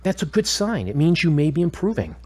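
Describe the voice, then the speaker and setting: Pitched a little high, a man voices a composed, probing therapist for a scripted audio drama. His delivery is measured, full of questions and instruction, with an encouraging, teaching mood.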